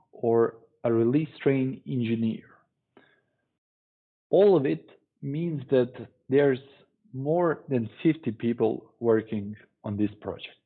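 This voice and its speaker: A man giving a conference tech talk, speaking in a measured, deliberate way with pauses. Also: medium pitch. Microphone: online talk stream. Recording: tinny phone-like online stream audio.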